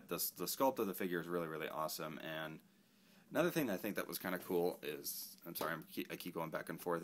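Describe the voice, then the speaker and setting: Laid-back male toy reviewer, very low voice, rambling and self-correcting. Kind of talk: casual action figure review.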